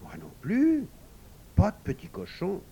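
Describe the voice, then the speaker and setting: A man voicing a spirited little storybook girl trying to dodge blame. The voice is high and lively, with big swings in pitch. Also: unhurried, vocal fry, husky, dull audio, heavily acted. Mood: evasive. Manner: evasive, energetic.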